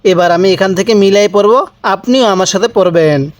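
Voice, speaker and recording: A man teaching Quran reading, sounding out words syllable by syllable in drawn-out recitation between quick spoken explanations. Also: high voice, dry recording. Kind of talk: slow syllable-by-syllable recitation lesson.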